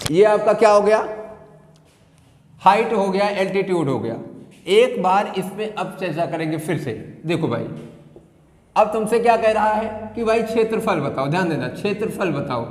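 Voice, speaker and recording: High-voiced man teaching math in echoey room. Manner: repetitive, asks students questions. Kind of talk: math lesson. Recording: echoey room with long reverb.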